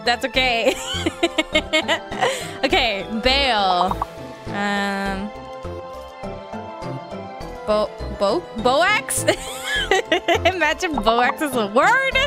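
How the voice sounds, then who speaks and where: A young woman chats casually on a live stream, her slightly high voice swinging up and down animatedly as she jokes and swears with her viewers. She talks unhurriedly, while clear music plays behind her. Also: wildly swooping pitch, drawn-out words, long pauses. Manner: playful, swears and laughs often, reads chat aloud.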